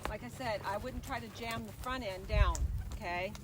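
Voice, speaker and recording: A woman working as a riding instructor, coaching a rider through a lesson with brisk, projected commands and running encouragement. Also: medium pitch. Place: riding arena among horses. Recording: noisy, with hoof clip-clop and ambience.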